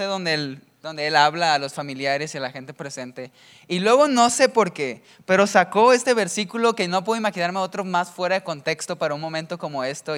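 A man preaches, chatty and casual. He keeps checking in with the listener, and his voice sits high for a man. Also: a bit bright, clear, resonant tone. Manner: chatty, keeps asking ¿verdad?. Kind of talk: sermon with humorous anecdotes.

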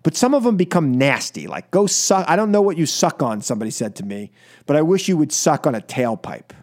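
Brisk and very animated, this man's fairly high, slightly mellow voice carries an impassioned political rant on American talk radio. He hosts from a radio studio, sounding emphatic and fed up, and repeats phrases for stress.

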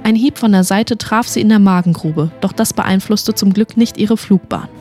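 A woman narrating a fantasy story in an expressive audiobook reading. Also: mid-range voice, normal speed, faint music behind.

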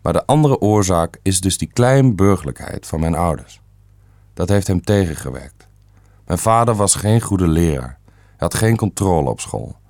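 A stern old great-uncle, voiced by a man, blunt and sure of himself in every judgement. The voice sits very low and deep, and it is recorded dry and close with no room sound. He states things flatly and leaves no room for argument. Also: moderate pace, gravelly, no echo. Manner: stern, matter-of-fact.

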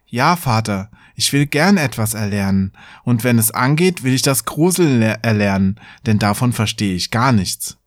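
A man's voice: medium pitch, expressive, normal speed, hardly any pauses, no echo, clean studio sound, natural voice. A man doing a naive, fearless young lad. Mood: earnest. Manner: earnest, plain-spoken.

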